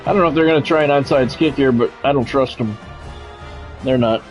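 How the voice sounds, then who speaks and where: Faint music plays behind a medium-pitched, fairly quick voice: a middle-aged streamer and play-by-play commentator narrating a sports video game. He works in the manner of a radio broadcaster, trading clipped calls for casual, salty asides.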